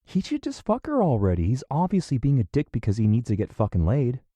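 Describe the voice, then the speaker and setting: A woman's voice: extremely low pitch, huge pitch swings, fairly quick, warm tone, no room sound, pitched below the performer's own voice, heavily acted. A woman voicing a crude, mocking young male bandmate in an audiobook.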